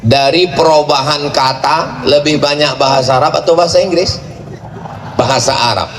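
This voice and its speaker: A man preaching to a large gathering, playful and joking, rattling off rapid chanted recitation. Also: a little high. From Indonesia. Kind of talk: sermon at a large religious gathering. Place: large outdoor or hall gathering at a boarding school. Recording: echoey venue with faint ambient noise.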